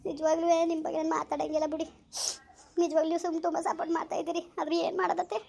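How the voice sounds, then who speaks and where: A woman's voice: very high-pitched, level tone, rapid-fire, gravelly, darkish tone. A young woman vlogger talking in a plaintive, upset way and repeating herself. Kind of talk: emotional phone talk and vlog outro.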